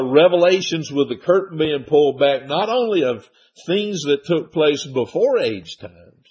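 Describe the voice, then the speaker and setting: A man teaching a Bible study, reading verses aloud and explaining them in a loose, halting way with frequent fillers. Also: mid-range voice, darkish tone, breathy edge. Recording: dull lo-fi recording.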